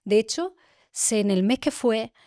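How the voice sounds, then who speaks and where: A middle-aged woman, a podcast host telling a personal story in a heartfelt, halting way. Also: a little high, expressive, warm tone, no echo, clean studio sound.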